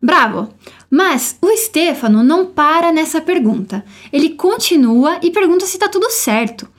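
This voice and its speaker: A high-voiced woman with a Brazilian Portuguese accent runs a podcast language lesson. She sounds upbeat and encouraging and slows down carefully to model each word. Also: animated. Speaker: language teacher.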